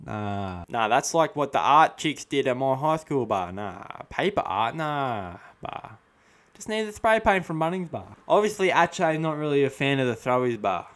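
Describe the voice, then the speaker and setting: A man's voice: medium pitch, sing-song, moderate pace, fairly bright tone. A young man in his twenties with an Australian accent, playing a cocky, combative eshay lout in comedic commentary full of eshay slang. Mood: cocky, casual. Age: 20s. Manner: eshay slang, tacks 'bah' onto sentences. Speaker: comedy host reacting to a chatbot. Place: small room at home, indoors. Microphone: close studio mic on boom arm.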